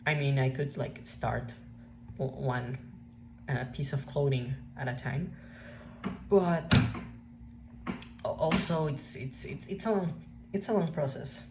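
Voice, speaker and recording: A young woman with a Mexican accent, native Spanish speaker, talking through a reflective personal vlog in a halting way with many restarts. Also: rumbling low. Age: young adult. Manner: hesitant, halting, frequent restarts and fillers. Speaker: vlogger. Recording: steady background noise.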